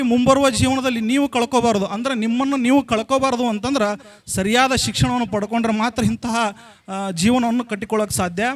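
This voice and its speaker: High-voiced North Karnataka holy man. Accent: North Karnataka Kannada. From Karnataka, India. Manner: folksy storyteller, repeats lines and puts questions to the audience. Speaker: religious leader giving a blessing address. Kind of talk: storytelling speech to a school gathering.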